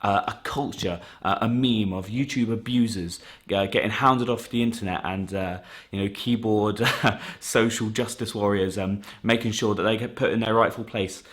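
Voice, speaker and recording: A man with a fairly low voice puts a question to a show. He explains casually and at length. He is hesitant and apologetic as he goes. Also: fairly even intonation, moderate pace, few pauses. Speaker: listener sending a video question.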